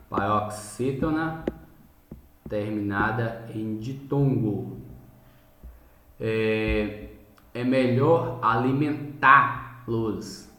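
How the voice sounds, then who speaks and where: A man's voice: on the low side, reverberant. A man teaching in a recorded video lesson, working through exercises step by step and often checking in with his viewers. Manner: explanatory, repeats "tá?" and "gente" to check in.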